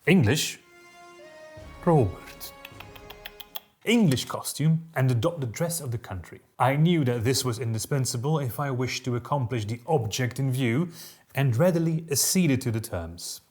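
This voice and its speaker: A man hosts a comedic history show with a very animated voice that rises and falls constantly. He reads archival passages aloud and then drops in wry, joking asides. Faint music plays in the background. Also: mid-range voice, moderate pace. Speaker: history podcast host.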